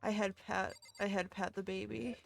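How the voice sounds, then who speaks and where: A woman's voice: mid-range voice, level tone, moderate pace, vocal fry, soft background music. Chatty woman streaming a game. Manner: chatty, giggly, profane. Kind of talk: casual chat while gaming.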